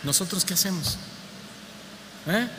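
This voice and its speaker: A man's voice: high voice, animated, unhurried, background noise. A man with a Mexico City accent preaching a sermon as pastor, in a conversational, humorous way full of rhetorical questions. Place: church hall. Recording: reverberant church hall, faint ambience.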